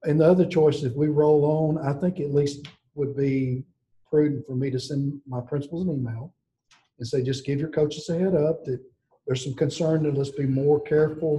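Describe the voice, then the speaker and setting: A man's voice: a little high, fairly even intonation, warm tone, slight background noise, poor audio. A man speaking earnestly on a video call in an office, often restarting his sentences. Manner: earnest, halting, many restarts. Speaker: school district director. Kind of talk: board meeting remarks.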